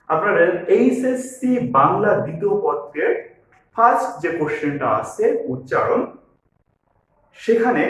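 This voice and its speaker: A man teaching a grammar lesson to students, repeating key phrases slowly as he writes them out. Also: high voice. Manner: repeats key phrases while writing on board. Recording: very echoey room.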